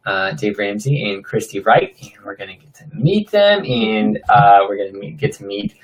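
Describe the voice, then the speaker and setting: A man's voice: lowish voice, animated, normal speed, highs cut off. A man co-hosting a casual vlog, upbeat and filler-heavy, calling things awesome. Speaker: co-host of couple vlog. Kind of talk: casual chat.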